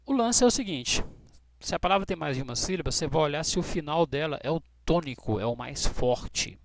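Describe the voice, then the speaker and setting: Gravelly Brazilian man teaching English. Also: fairly high pitch, animated, slight background noise. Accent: Brazilian Portuguese. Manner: patient, checks in often with short questions; spells out letters slowly, stressing key words. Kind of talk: explaining grammar rules to students.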